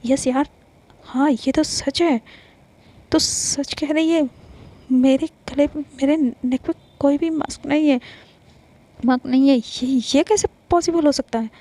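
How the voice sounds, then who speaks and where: Brief: high, blunt young girlfriend, scolding and jumpy, read by a woman narrator. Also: a little slow, warm tone. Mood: nervous. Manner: scolding, nervous.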